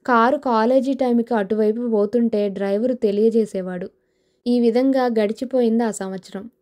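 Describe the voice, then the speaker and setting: A woman narrating a novel in a steady storytelling manner. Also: fairly high pitch, moderate pace. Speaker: audiobook narrator.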